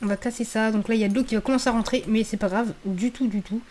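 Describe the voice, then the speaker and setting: A woman's voice: a little high, steady tone, rapid-fire, darkish tone, slight background noise. A woman giving casual, slangy let's play commentary, swearing freely and thinking aloud as she repeats her phrases. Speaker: gaming video creator.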